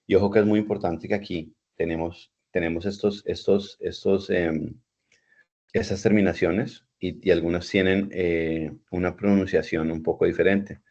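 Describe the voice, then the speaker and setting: A man's voice: low voice, fairly even intonation, normal speed, a little mellow. A man teaching an English class in over a video call, patiently repeating and spelling out words. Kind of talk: online class lecture. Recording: dull lo-fi video call audio.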